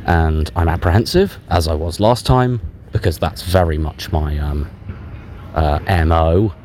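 A man with a very deep voice records a confessional audio diary on a dictaphone. He is subdued and self-deprecating, speaking in halting, candid phrases. The outdoor recording carries some background noise. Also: a little mellow. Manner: hesitant, halting, candid with frequent long pauses. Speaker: podcast host. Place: outdoors in a public park while out walking. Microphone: handheld voice recorder. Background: outdoor park ambience.

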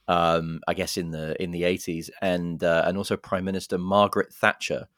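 A very low-pitched man talks through trailers in a relaxed podcast chat, cracking jokes as he goes. The sound is dry and close, with no room around it. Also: normal speed, dry recording. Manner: chatty, jokey, reads out plot summaries. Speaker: podcast co-host. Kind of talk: casual film chat.

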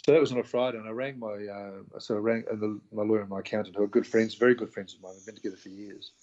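A man's voice: on the low side, racing, muffled recording. A man with a New Zealand accent telling his story in casual conversation, acting out the voices of the people he quotes. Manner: animated, acts out quoted dialogue. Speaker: interview guest.

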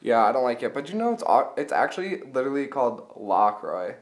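Young woman, very deep voice, dry and blunt, echoey room. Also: sing-song, quick pace. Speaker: podcast co-host. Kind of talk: casual chat.

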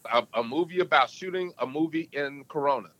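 As a guest on a podcast, this man talks casually and emphatically, telling stories in an interview setting. He speaks a little fast with a slightly bright voice that can go deep, and the audio quality is poor.

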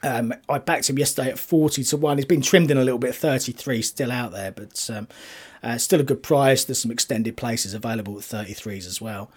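A man talking through golf form, statistics and betting picks as a commentator, in a conversational, analytical way with a slightly husky voice. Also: mid-range voice, fairly quick.

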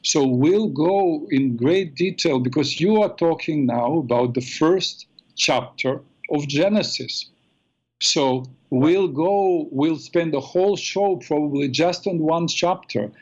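A man hosting a call-in radio show in a smooth, calm and measured way, heard through a radio broadcast. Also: fairly high pitch. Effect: radio broadcast sound. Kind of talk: smooth radio host talk. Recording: dull lo-fi radio sound.

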